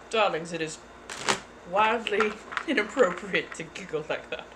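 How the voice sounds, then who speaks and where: Over very noisy audio, a mid-range female voice leads live tarot card readings, staying in an exaggerated, put-on character accent throughout and addressing her audience as "darling."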